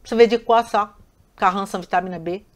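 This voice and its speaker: This nutrition trainer, a woman with a foreign accent, teaches a live class online at a moderate pace and medium pitch. Her delivery is emphatic, full of repeated words and self-corrections, and she answers chat questions head-on.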